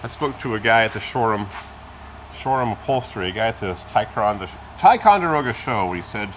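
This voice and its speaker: A man's voice: on the low side, lively intonation, fast talker, a bit bright. A man narrating a casual vlog in an offhand, rambling way, in short phrases with asides. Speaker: car owner giving a tour of his vehicles. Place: vehicle warehouse. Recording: noisy, car engine idling in warehouse. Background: idling car engine.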